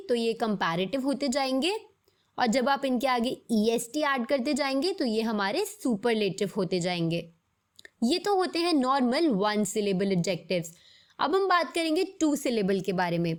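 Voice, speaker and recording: Woman, English teacher, slightly high voice, patient step-by-step explanations. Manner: explains in Hindi, reads English examples slowly. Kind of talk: scripted grammar lesson.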